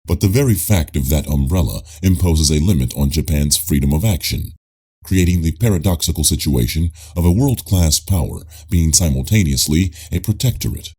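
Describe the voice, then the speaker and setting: In a low, husky voice, a man reads nonfiction with the formal, measured style of an audiobook. Even so, his pitch rises and falls in a lively way through every sentence.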